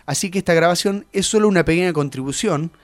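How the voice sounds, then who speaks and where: A man's voice: high-pitched, fast talker, no echo. A man hosting a radio show, chatting casually about music in a rambling, explanatory way full of hesitations. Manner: rambling, explanatory, many "eh" fillers.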